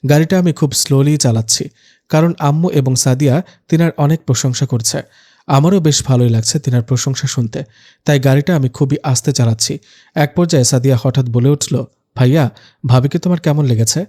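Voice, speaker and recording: Mellow young man narrating a story. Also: mid-range voice, brisk. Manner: gentle, storytelling, light humor. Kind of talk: first-person story narration.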